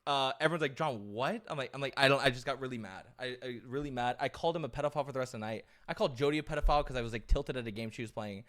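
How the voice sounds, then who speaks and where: A man telling a travel story in an animated, profane, self-mocking way. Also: medium pitch, rapid-fire, few pauses. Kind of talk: casual storytelling.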